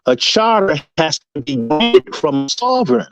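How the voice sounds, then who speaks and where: A man's voice: a little high, very animated, normal speed, no echo, soft background music. A man in a casual group discussion on a video call, explaining his points step by step while his audio breaks up. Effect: choppy, breaking-up video call audio. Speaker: discussion participant.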